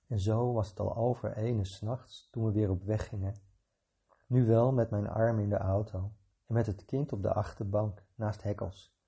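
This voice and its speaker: A man reading a short story aloud in a calm, measured way, with a gravelly, husky voice. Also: fairly low pitch.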